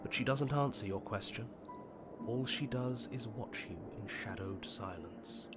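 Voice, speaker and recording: An actor playing a wry, all-knowing male narrator in a video game, measured and sardonic. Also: mid-range voice, close to an everyday voice. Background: game music.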